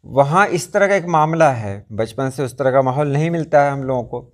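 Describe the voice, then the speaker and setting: A man teaching pronunciation in a video lesson, repeating example sounds and words slowly for practice. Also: medium pitch. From Muzaffarpur, India.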